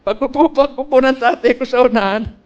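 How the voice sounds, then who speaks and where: A man's voice: very high-pitched, fairly quick, clean tone, dull audio. A man telling his personal faith testimony in an earnest storytelling manner, speaking politely and mixing in English phrases.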